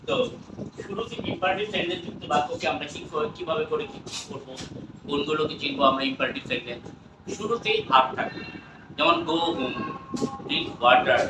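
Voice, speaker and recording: Male teacher in an echoey room. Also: fairly high pitch. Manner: mixes Bengali explanations with slow, drawn-out English example sentences; often checks understanding with quick questions. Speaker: English teacher. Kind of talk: classroom grammar lesson. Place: classroom. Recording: echoey room from far off, noisy with passing traffic.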